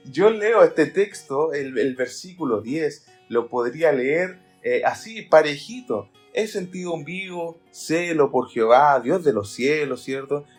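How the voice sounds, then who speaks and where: A man, a pastor, talking earnestly in a Bible study podcast and explaining by acting out readings. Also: on the high side.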